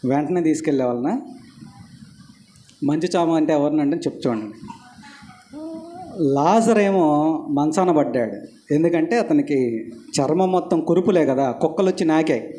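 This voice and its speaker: A middle-aged pastor delivers a sermon in a storytelling way and keeps asking the congregation questions. His voice is mellow and soft-edged, and it sits a little higher than most men's. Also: normal speed, pauses often, slight background noise.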